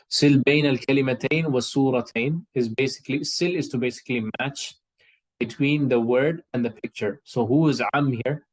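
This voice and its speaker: A man's voice: medium pitch, low-quality recording. Patient man teaching Arabic vocabulary. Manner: patient, quizzing students, explains slowly with fillers. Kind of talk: online class lesson.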